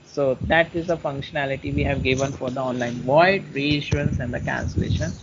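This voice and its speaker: A man presenting software features in an online webinar. He explains each step in turn and often restates his phrases. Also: medium pitch, fairly even intonation, a little fast. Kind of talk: online product webinar walkthrough. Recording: muffled webinar audio with faint noise.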